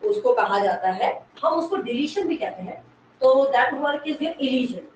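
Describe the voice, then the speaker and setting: A woman English literature teacher giving an exam-prep lecture, explaining slowly, repeating key words and quizzing the class. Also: on the high side, expressive. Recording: echoey room, mic far from speaker, faint noise.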